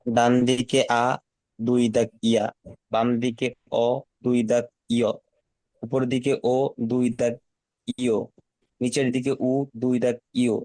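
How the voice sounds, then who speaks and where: A male student in an online class reading a list aloud slowly and carefully. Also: mid-range voice, monotone, mellow, no echo.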